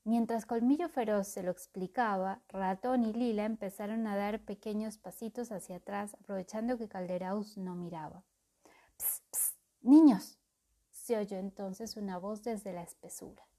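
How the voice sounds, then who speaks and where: A woman reading a children's story aloud, expressive with soft narration. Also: mid-range voice, normal speed, few pauses.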